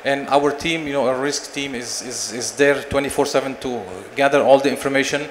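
A man in his forties, a company director, giving a conference sales pitch and answering questions with many fillers and restarts into a handheld mic. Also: fairly even intonation, fairly quick. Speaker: company managing director presenting. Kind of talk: conference presentation and Q&A. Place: large expo stage hall. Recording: long hall reverb, faint noise.

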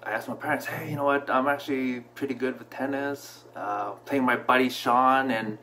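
Man in his thirties, casual storytelling vlog, reflective, mid-pitched voice, faint hum. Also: normal speed. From Canada. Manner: relaxed, reflective, with frequent fillers and restarts. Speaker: vlogger. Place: small room at home, indoors. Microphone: camera in front at desk distance.

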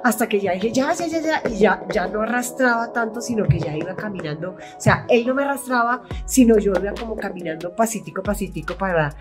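A woman's voice: medium pitch, fairly quick, few pauses, over music. A middle-aged woman with a Colombian accent, an actress hosting her own video channel, telling rambling behind-the-scenes stories and acting out what she said back then. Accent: Colombian (Bogotá). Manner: rambling, chatty, acts out her own past voice. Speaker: actress and YouTube host. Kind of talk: casual storytelling vlog.

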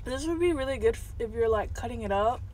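A woman's voice: a little high, expressive, quick pace. A woman chewing while she talks, giving blunt, slangy verdicts on snacks in a casual food review. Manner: blunt, slangy, says "like" a lot. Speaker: mukbang vlogger. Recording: loud background noise.

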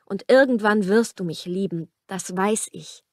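A woman's voice: mid-range voice, measured pace, darkish tone, dry recording, clean studio sound, close to an everyday voice. A woman voicing a pleading, defiant young wife. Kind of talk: audiobook character reading.

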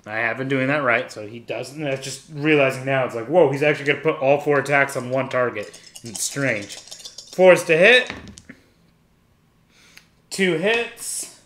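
A man with a medium-pitched, somewhat bright voice speaks at a measured pace, pausing often, as he casually plays through a solo tabletop wargame. Recorded in an echoey room, he thinks aloud and calls out each dice roll step by step.

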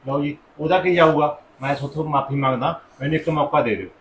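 A man's voice: a little high, fast, a little hiss or hum, natural voice, rough recording. An actor playing a middle-aged father-in-law who keeps apologizing and pleading to make peace, in a village family drama. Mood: apologetic. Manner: pleading, apologetic, repeats himself.

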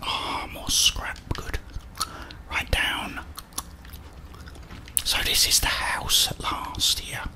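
A middle-aged British man streams a video game in ASMR style, whispering close to the microphone. He thinks aloud in a soft, breathy murmur as though muttering to himself, speaking extremely slowly with frequent pauses.

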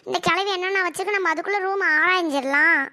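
A woman's voice: extremely high pitch, fast, pushed and bright, full character voice. A woman voicing a naive, whiny younger daughter-in-law in a cartoon comedy, with a childlike manner. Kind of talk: cartoon voice acting.

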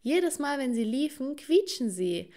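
A woman with a fairly high voice reads scripted narration for an animated story, telling it as a teenage girl. Her storytelling is earnest and moves along quickly.

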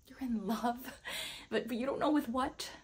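A young woman acting a dramatic monologue as a melancholy, lovesick woman, halting and wistful, with a slightly husky voice. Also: a little high. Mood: wistful yearning. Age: young adult. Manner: melancholy, halting and wistful, with nervous laughter breaking through. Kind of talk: dramatic stage monologue performance. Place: small plain room, indoors.

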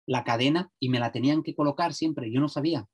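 A middle-aged man, a social educator giving a lively workshop talk to parents and often checking in with the audience. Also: medium pitch, fast, husky.

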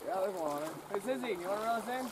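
Young man, relaxed coaxing chat, lakeshore outdoors, loud wind noise over the voice. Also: high voice, rapid-fire. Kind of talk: casual chat.

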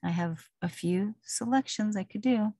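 A woman's voice: medium pitch, measured pace, mellow, breathy edge, dry recording, studio quality. A middle-aged woman talking casually and rambling, laughing now and then. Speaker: vlogger. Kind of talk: casual personal talk.

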